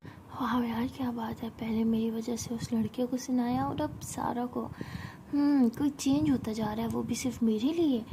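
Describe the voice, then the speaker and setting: A woman's voice: on the high side, steady tone, moderate pace, noisy background, natural voice. A woman voicing a playful young woman who teases with affectionate sarcasm. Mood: teasing. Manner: teasing, sarcastic.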